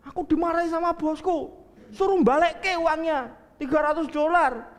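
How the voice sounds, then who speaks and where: A man's voice: extremely high pitch, normal speed, in a large hall, pitched above the performer's own voice. A man voicing an earnest young new believer who talks in a pleading, sincere way. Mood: upset.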